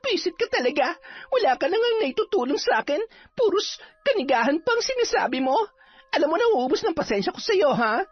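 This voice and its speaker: A woman acting a bitter, hot-tempered young sorceress on the run, sharp-tongued and defiant, in an audio drama. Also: very high voice, sing-song, fairly quick. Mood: angry, bitter. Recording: dull lo-fi with faint music.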